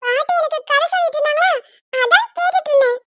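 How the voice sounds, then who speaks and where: A woman's voice: very high-pitched, fast, a bit bright, no echo. A piping little girl. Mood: evasive. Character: small evasive school-age daughter. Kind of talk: cartoon voice acting. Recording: dull lo-fi dry recording.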